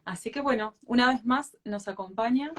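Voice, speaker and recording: A woman's voice: fairly high pitch, normal speed, fairly bright tone, slight background noise. A woman with an Argentine accent hosting a casual live video chat, hesitant and full of fillers. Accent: Argentine Spanish. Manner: hesitant, many fillers and restarts. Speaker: host of a live stream. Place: Mar del Plata, indoors.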